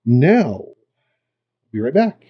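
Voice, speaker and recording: A man giving a folksy, unhurried hands-on demonstration, thinking aloud, his voice muffled by a camera microphone. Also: medium pitch, sing-song, breathy edge. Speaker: host of a rock tumbling hobby channel. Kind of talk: casual hands-on demonstration talk. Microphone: camera's built-in microphone.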